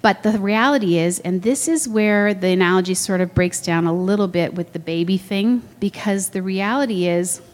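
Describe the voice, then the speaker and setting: A woman's voice: normal speed, few pauses, a little mellow. Woman preaching in a reverberant hall. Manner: conversational, asks the room questions; acts out quoted voices with big pitch jumps. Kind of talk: sermon.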